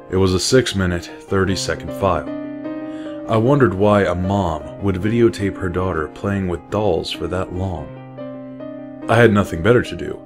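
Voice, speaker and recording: A man narrating a scripted horror story in a measured, unhurried reading. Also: low-pitched. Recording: music bed under the voice. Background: music playing under the voice.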